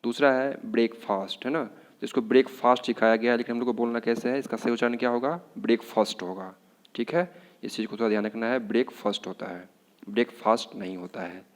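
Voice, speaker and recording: A man's voice: mid-range voice, a little fast. A man with an Indian accent, a Hindi speaker, teaching English pronunciation in a classroom-style lesson, asking questions again and again. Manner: repetitive, keeps asking "what should we say".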